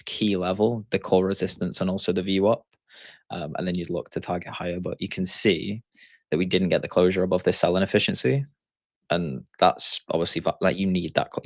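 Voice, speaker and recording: With a low-pitched voice and no room sound, this Yorkshire man runs a live trading stream as a coach and host. He talks through the charts, thinking aloud as he goes.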